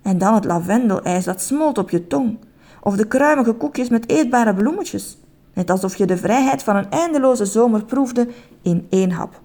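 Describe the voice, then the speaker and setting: A woman reading a children's bedtime story. Her voice is fairly high, with a marked creaky rasp, and she lingers over each item she describes. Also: expressive, moderate pace, dark tone. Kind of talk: children's story read aloud.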